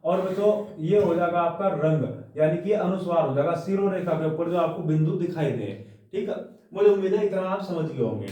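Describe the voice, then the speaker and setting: A man gives a Hindi grammar lesson in a fairly high voice, calling his listeners children. He asks a question, answers it himself, and repeats the key points. He is heard from across a strongly echoing room. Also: warm tone. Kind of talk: classroom-style lesson at a board. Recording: echoey room, voice from a distance.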